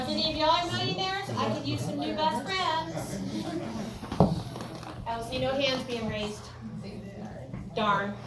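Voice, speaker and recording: American female ghost tour guide, informal and jokey storyteller, fairly high voice, picked up from afar with clear noise. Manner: folksy, joking, chatty storytelling. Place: indoor room of an old theatre. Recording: roomy echo, distant mic, clear background noise.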